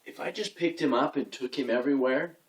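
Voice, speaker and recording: A man's voice: mid-range voice, brisk. A young man giving an earnest, casual talk on faith, often repeating himself and restarting his sentences. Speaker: video host giving faith advice. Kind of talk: casual inspirational talk to camera. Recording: roomy sound from a distance.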